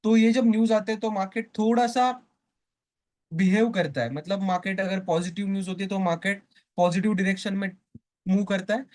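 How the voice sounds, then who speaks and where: A man's voice: high voice, steady tone, fairly quick, a little mellow. A man teaching a live online stock trading class. He keeps asking the class questions, answers them himself, and checks in often to make sure they follow.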